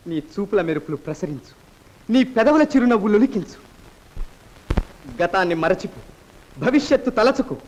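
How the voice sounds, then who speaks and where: A pompous, leering villain. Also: male voice, high-pitched, poor audio. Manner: pompous, menacing, theatrical declamation. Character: scheming, lustful villain Pratap, a young nobleman. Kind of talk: 1950s film melodrama acting.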